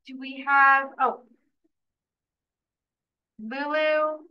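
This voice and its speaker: A young woman leading a student meeting, briskly reading out names one after another for roll call. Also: high-pitched, steady tone. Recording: distant, dull room mic.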